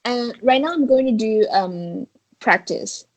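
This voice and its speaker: A woman's voice: fairly high pitch, measured pace, poor audio. A woman teaching a beginner Chinese lesson over a video call, patiently guiding her student with questions. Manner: patient, coaxing, guides with questions. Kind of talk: online language lesson.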